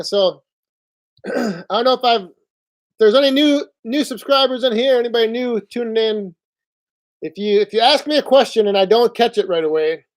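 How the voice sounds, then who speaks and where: Indoors at home, a man with a very high voice runs a casual live stream on his phone, rambling in a relaxed manner and reading viewer chat aloud.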